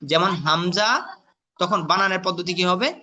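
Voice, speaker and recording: A man teaching Quran letter reading in a patient classroom lesson, spelling out sounds slowly and quizzing his students with questions. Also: sits high, fairly even intonation, sharp tone.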